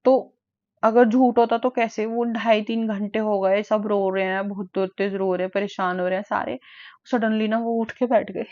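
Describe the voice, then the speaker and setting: A woman vlogger retelling family stories in a chatty, animated way. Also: on the high side, no room sound, lo-fi sound. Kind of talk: casual storytelling to camera.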